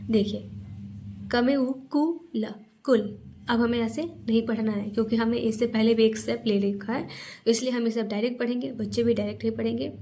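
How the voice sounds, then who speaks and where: A woman teaching a phonics lesson to parents, reading syllables aloud one at a time in a slow, patient way. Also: fairly high pitch, flat delivery, warm tone, a little hiss or hum. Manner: explains to parents, then models sounds.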